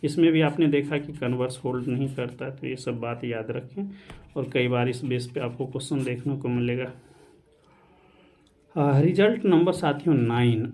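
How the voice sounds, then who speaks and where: A man with a mid-range, darkish voice gives an online exam-prep lecture on real analysis. Speaking Hindi mixed with English math vocabulary, this maths teacher often addresses the class as "saathiyon" and asks questions only to answer them himself.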